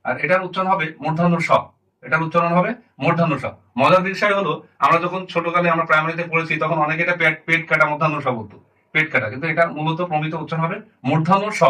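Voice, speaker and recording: A man gives a brisk lesson, his words quick and his voice somewhat high and bright. He repeats each term twice, earnest and clear. He sounds a little distant from the microphone. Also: steady tone. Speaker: teacher. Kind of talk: spoken language lesson.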